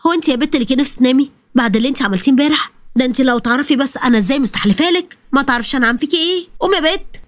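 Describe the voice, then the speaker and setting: A woman's voice: high voice, rapid-fire, few pauses, lightly acted. A woman voicing a bossy, scolding Egyptian mother who orders her daughter around. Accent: Egyptian Arabic.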